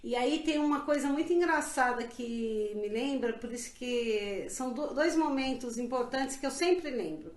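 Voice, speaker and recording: A woman's voice: sits high, lively intonation, moderate pace, few pauses. A middle-aged Brazilian woman, interviewed in a casual chat, talks in an earnest, reflective way with many fillers and restarts. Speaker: interviewee, council pre-candidate. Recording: echoey room.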